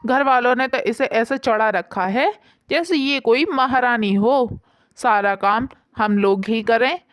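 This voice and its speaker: A woman's voice: a little high, slow pace, no room sound, clean studio sound. A woman voicing a scornful middle-aged sister-in-law who complains about her family in a storybook tale. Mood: resentful. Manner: complaining, sneering.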